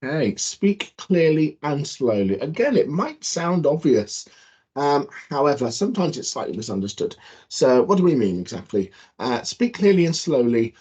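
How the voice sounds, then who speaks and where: A man's voice: fairly high pitch, very animated, moderate pace, a little mellow, husky, poor audio. A man co-presenting an awareness talk to students over a video call, explaining and demonstrating his points. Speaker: guest presenter.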